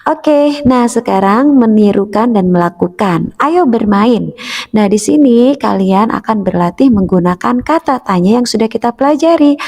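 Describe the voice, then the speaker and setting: A woman teacher reads a school lesson aloud in a clear, measured way and keeps returning to "nah" between points. Her voice rings with a long reverb, as if recorded in a bare, echoey room. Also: mid-range voice, darkish tone.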